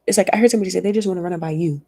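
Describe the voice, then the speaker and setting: A woman's voice: fairly low pitch, very fast, dark tone, husky, dry recording. A young woman giving a casual tarot reading, chatty and rambling, laughing often and acting out what people might say. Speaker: tarot reader.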